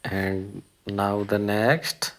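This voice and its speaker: The recording quality is low, and the man's lowish voice comes across flat and very slow. As presenter of a learning video for young children, he narrates in short, simple phrases, often putting questions to his audience.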